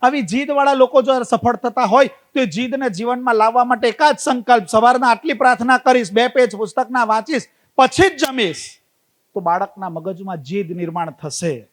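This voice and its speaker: A man's voice: very high-pitched, moderate pace. A man giving a motivational talk to a community gathering, telling stories, repeating key phrases and asking the audience rhetorical questions. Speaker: invited speaker.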